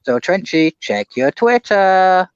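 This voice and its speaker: An upbeat man greets his stream chat and laughs often. His voice sits high and swings widely, and the audio is dry and dull. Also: very animated, takes it slowly, smooth, dry recording. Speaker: co-host of a watch-along stream. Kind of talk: casual live-stream chat.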